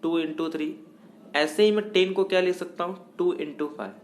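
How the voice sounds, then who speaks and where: A man's voice: high-pitched, moderate pace, a little hiss or hum. A male math teacher, giving a lecture in a step-by-step way, asking questions and answering them himself. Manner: explains step by step, asks and answers own questions; mixes English math terms into Hindi. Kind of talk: classroom lecture.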